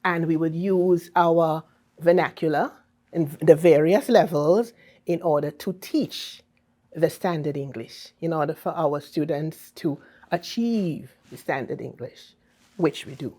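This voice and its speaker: A woman's voice: low voice, unhurried, dark tone. A woman from Saint Vincent and the Grenadines with a Vincentian accent, explaining things in an interview in an emphatic, teacherly way with frequent checking tags. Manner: teacherly, emphatic, often checks with "okay?" and "right?". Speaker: ambassador being interviewed.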